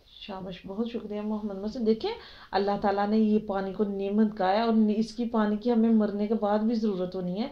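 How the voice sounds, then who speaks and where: In an online religion class for kids, a woman speaking in a medium-pitched, level tone keeps her students involved with frequent questions. She has a Pakistani Urdu accent, and the audio is dull and lo-fi.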